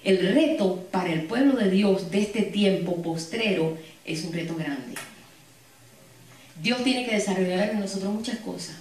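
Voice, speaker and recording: A woman's voice: medium pitch, unhurried, darkish tone, slight background noise. A woman preaching a sermon and telling stories to her congregation with frequent asides. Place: church hall. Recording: echoey hall, distant mic.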